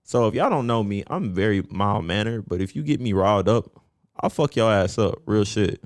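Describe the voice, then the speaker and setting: A man with a fairly low voice co-hosts a casual podcast and tells animated stories full of profanity. His voice sits dry and close to the mic, with little room sound. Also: normal speed, no echo. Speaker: podcast co-host.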